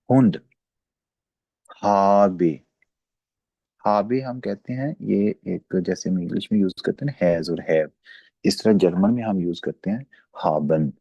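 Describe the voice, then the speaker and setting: A man teaching pronunciation in a slow, patient lecture. His voice is low and mellow and rises and falls a lot as he repeats each word. The recording is close and dry. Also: dry recording. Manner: explains slowly, repeats words and says "theek hai" often. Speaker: German language teacher.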